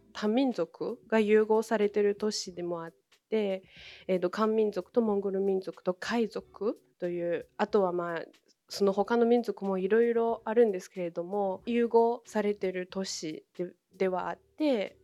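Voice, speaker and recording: A woman's voice: medium pitch, warm tone, no room sound. A young woman from Inner Mongolia whose first language is Chinese, answering interview questions politely with many hesitant fillers. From Inner Mongolia, China. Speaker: interview guest, former international student.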